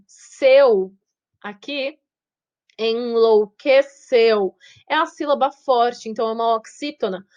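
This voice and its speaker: A woman teacher with a Brazilian Portuguese accent, giving an online lesson. She repeats words slowly syllable by syllable and keeps checking with the class. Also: high voice. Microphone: video call setup, her own face on screen.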